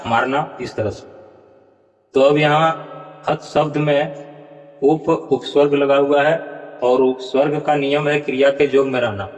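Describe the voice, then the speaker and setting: Monotone man teaching in a reverberant space. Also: mid-range voice. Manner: slow, repetitive, stresses each syllable. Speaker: Gita recitation teacher. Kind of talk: explanatory Sanskrit pronunciation lesson. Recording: dull, lo-fi with long reverb.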